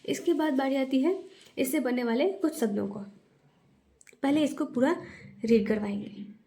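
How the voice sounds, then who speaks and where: A woman teaching a phonics lesson to parents, reading syllables aloud one at a time in a slow, patient way. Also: sits high, mellow. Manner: explains to parents, then models sounds.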